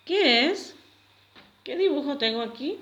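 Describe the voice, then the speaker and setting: A woman's voice: high-pitched, expressive, measured pace, fairly bright tone, muffled recording. A woman teacher giving a recorded language lesson for children, carefully repeating each new word. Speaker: Guaraní teacher.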